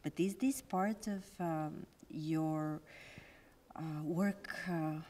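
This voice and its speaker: A woman's voice: deep voice, extremely slow, warm tone. A woman with a Bulgarian accent conducting an informal interview in English as a non-native speaker, searching for words as she goes. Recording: noticeable background noise.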